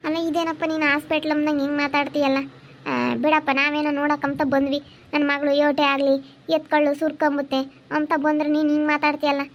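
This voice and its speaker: A woman's voice: high-pitched, monotone, fast talker, lightly acted. A woman playing a worried, pleading mother visiting the hospital. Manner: pleading, fretful. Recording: dull, slightly noisy recording.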